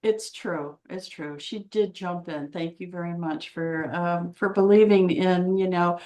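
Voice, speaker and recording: A woman co-hosting a podcast in a casual chat, playful and quick to laugh. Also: on the low side, mellow, roomy sound. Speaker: podcast co-host.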